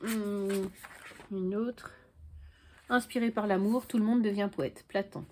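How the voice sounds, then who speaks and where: A woman book vlogger talks casually to her camera from a room at home. Her voice is mellow and warm, and she sits at a middling pitch. She is chatty and frank and drops in dry asides. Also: steady tone, slow pace, a little hiss or hum.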